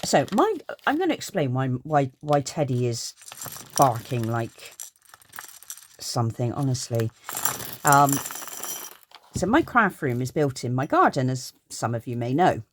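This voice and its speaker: Middle-aged woman, low and lively, chatty haul vlogger in a home craft room. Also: unhurried, long pauses, a little hiss or hum. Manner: chatty and gushing, rambling asides. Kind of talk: casual haul chat.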